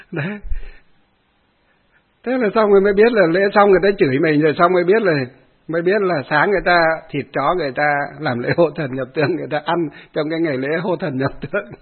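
A male Buddhist monk telling an anecdote in a sermon, animated and speaking directly to his audience. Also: on the high side, a little fast, slightly rough. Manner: animated storyteller who laughs along and addresses the audience. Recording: tinny phone-like audio.

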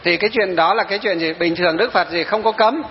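A high-pitched man, a Buddhist monk, delivers a dharma talk full of stories and rhetorical questions. The sound is dull and lo-fi, with a long reverb as in a hall, and faint noise underneath. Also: fast talker. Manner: storytelling, quoting followers, rhetorical questions.

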